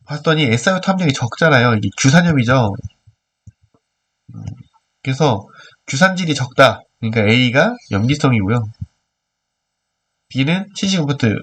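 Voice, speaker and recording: A man teaches in a stuffy, nasal voice of average pitch. He works through practice problems step by step for a video lesson. His delivery is informal and explanatory, often posing questions and answering them himself. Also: a bit bright, husky. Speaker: earth science teacher.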